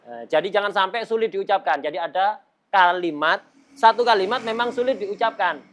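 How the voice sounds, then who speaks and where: A man's voice: high voice, a bit bright. A middle-aged man teaching a class on Arabic rhetoric in a casual, joking way, mixing Arabic terms into everyday speech. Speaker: religious teacher.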